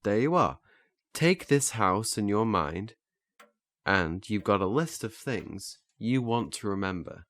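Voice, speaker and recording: A man with a lowish, brightish voice and lively intonation speaks slowly in a dry recording, playing an earnest, flustered learner in a naturalistic audio drama. Eager to master memory techniques, he explains things hesitantly, stammering and restarting his phrases.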